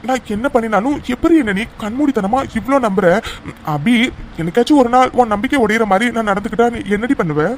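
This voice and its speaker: Guy doing a worried sweet young husband, kinda high voice, pleading. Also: fast, a little hiss or hum. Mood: anxious. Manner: anxious, pleading. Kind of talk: cartoon voice acting.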